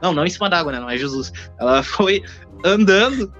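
A man, telling a childhood anecdote in a casual podcast chat, in a chatty, halting way. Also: sits high, animated, a bit bright. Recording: dull recording with faint music.

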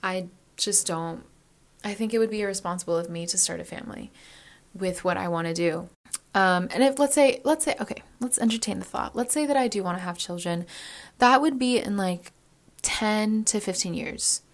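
A woman's voice: medium pitch, normal speed. Rambling young woman thinking aloud. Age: early 20s. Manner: candid and reflective. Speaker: vlogger. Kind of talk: casual confessional chat.

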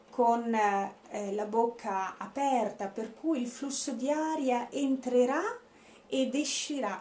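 A woman leading a guided breathing meditation as an instructor, speaking in a deliberate, instructive way with pauses. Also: fairly high pitch, a little mellow. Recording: echoey room, faint background noise.

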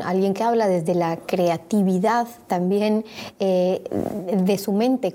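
A woman interviewer who asks long, winding questions full of small pauses and fillers. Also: medium pitch, warm tone.

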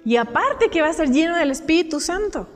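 A young woman leads a church Bible lesson, keeping it animated by asking her listeners questions. Her voice sits high. It rings with the long reverb of a hall, and faint music plays underneath. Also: fairly quick. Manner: animated, asks the group questions. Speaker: Bible study teacher.

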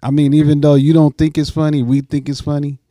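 Mellow, easygoing podcast host, a man. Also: fairly high pitch, little pitch movement, a little fast, dry recording. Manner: easygoing, laughs often, rambling. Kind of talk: casual podcast chat.

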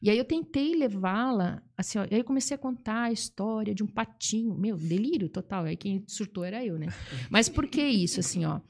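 A woman's voice: mid-range voice, lively intonation, brisk. A middle-aged woman, a psychologist and teacher, telling stories animatedly in an interview. She leans on fillers and acts out quoted voices. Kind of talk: conversational interview storytelling.

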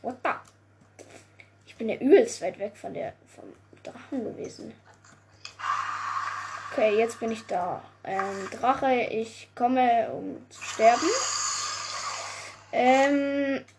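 A young woman giving casual gameplay commentary, excitable, often swearing, groaning and exclaiming. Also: fairly high pitch, slow pace, pauses often, noisy background. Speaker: gaming video creator.

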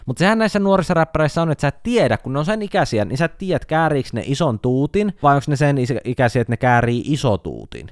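A young man hosting a comedic solo podcast, swinging his pitch widely as he rants with a sarcastic edge. His voice is smooth and resonant. The sound is dry and close, with no room echo. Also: hardly any pauses. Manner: sarcastic, animated storytelling with acted-out quotes. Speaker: podcast host.

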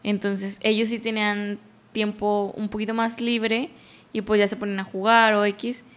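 A woman's voice: mid-range voice, little pitch movement, moderate pace. Chatty Mexican woman. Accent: Mexican Spanish. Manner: chatty, laughs easily. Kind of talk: casual chat.

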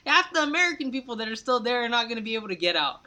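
A man's voice: very high-pitched, very animated, very fast, pushed and bright. A man co-hosting a podcast, arguing politics in a heated, rambling way, full of "like" and "I mean". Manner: impassioned, rambling, many "like" and "I mean" fillers. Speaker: podcast co-host. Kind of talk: casual political debate.

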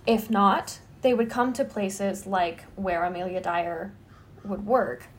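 In a slow, steady, mid-range voice, a young woman hosting a podcast chats casually about a true-crime case. She tells it conversationally, with plenty of fillers, especially "like."

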